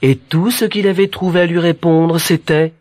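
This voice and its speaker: A man narrating a children's fairy tale in a gentle, expressive storytelling voice. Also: on the high side, normal speed, a little hiss or hum. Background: music bed.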